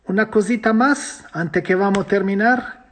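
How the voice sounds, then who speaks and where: A physiotherapy lecturer teaches a course in Spanish, not his first language, explaining slides and repeatedly asking and answering his own questions. His high voice moves at a moderate pace with a fairly bright tone, plus a little hiss or hum.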